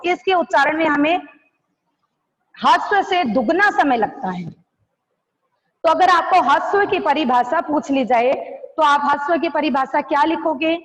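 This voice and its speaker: A female teacher giving an online class, asking questions and answering them herself. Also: high voice. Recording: dull lo-fi sound with long reverb.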